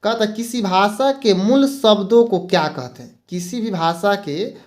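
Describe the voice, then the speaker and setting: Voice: medium pitch, unhurried. A teacher gives an exam-prep grammar lesson, repeating points and mixing in English words. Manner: asks rhetorical questions and answers them.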